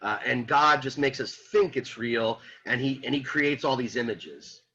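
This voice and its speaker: A man lectures a philosophy class in a bright, forceful voice with a husky edge. He repeats points and throws questions at the students. The lo-fi recording sounds dull. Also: medium pitch, normal speed. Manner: animated, repeats himself, rhetorical questions to students. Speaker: philosophy teacher. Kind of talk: classroom lecture reading and explaining a text.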